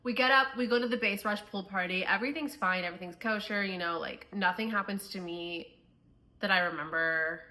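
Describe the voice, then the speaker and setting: A woman's voice: medium pitch, fairly quick, sharp tone. A young woman from the US Midwest telling a chatty storytime tale, full of fillers. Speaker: vlogger. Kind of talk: storytime vlog.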